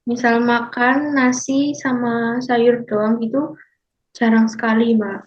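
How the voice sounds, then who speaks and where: A woman's slightly high voice, delivered flatly, portrays a 65-year-old grandmother in a scripted counseling role-play for class. She is slow, polite and deferential, calling her counselor "Mbak." The recording sounds muffled and lo-fi.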